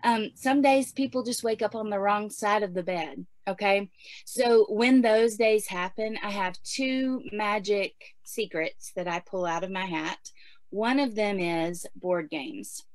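A woman's voice: medium pitch, unhurried, no echo. A woman in her forties giving casual homeschooling advice in a chatty way, with many fillers. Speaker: homeschooling guest speaker.

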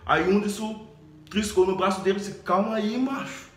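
A man in his thirties with a Brazilian Portuguese accent, excitedly retelling a story in a vlog, expressive and often laughing. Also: sits high, normal speed. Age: 30s. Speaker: vlogger. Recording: echoey room.

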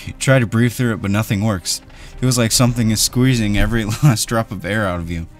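A man's voice: on the low side, fairly quick. A man playing a text adventure with a friend, reading the story aloud and breaking into laughter. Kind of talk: casual gaming chat. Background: background music.

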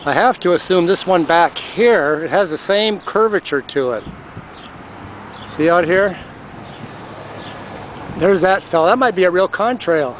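Outdoors by the road and in a car, a man films the sky and keeps up an amused, chatty running commentary, pointing things out into his handheld camera's mic. His voice sits high and is expressive, unhurried, with long pauses. The camera audio is noisy, with traffic and outdoor sounds behind him.

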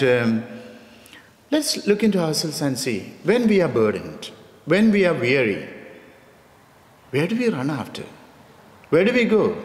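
Male priest preaching in an echoey church. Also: medium pitch. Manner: measured, addresses listeners as "my dear friends". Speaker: parish priest. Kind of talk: homily. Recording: echoey church with long reverb.

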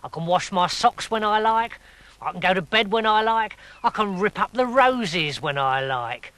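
A man voicing a boastful, bossy female toad in a storybook, speaking slowly with rough grammar. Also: animated, bright, forceful tone. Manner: slow, low and drawling, rough grammar.

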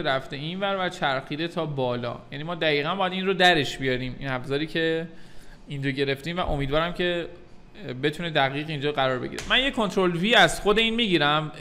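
Bright-voiced man teaching software. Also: fairly high pitch, a little hiss or hum. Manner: calm step-by-step explaining, addresses viewers as kids. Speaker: 3D modeling tutor. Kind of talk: software tutorial narration.

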